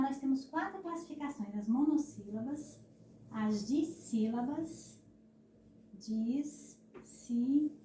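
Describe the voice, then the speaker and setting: A Brazilian woman teaches a recorded lesson, her voice a little high and soft-toned. She drags out words syllable by syllable and keeps checking in with "né?". She sounds set back from the mic in an echoing room with a faint hiss. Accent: Brazilian Portuguese. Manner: slow, syllable-stressing explanations with frequent "né?". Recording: echoey room, voice from a distance.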